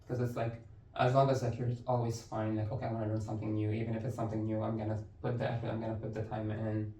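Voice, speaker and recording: A man's voice: on the low side, completely flat delivery, fast, warm tone. A young adult man from Lebanon, a university instructor talking as a podcast guest in an easygoing way, leaning on "like" and "it's like". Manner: easygoing, fills speech with "like" and "it's like". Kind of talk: casual interview conversation. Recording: roomy, distant mic.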